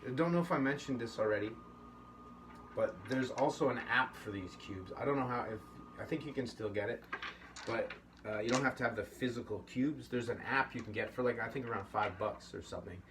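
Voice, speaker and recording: In an indoor studio, a middle-aged man sits at a table leading a laid-back puppetry workshop, offering encouragement and frequently digressing. His medium-pitched voice runs a little fast, recorded from a slight distance with faint hum.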